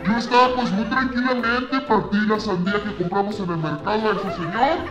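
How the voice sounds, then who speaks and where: A woman's voice: medium pitch, a little fast, lo-fi sound, a crowd in the background, natural voice. A woman playing someone whose voice was magically changed, flustered and exclaiming, adding "eh?" often. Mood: puzzled. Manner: flustered, exclaiming, many tag "¿eh?". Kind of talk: children's show acting. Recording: echoey room with music.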